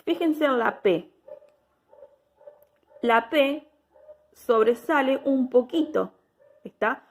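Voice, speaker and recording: A woman's voice: high-pitched, expressive, slow. A woman, giving a patient step-by-step technical drawing lesson and checking in with her students after each step.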